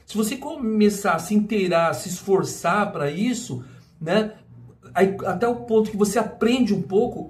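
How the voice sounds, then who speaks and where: A middle-aged Brazilian man talking casually to camera, rambling with many restarts and tag questions. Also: high voice. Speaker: vlogger. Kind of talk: casual personal monologue.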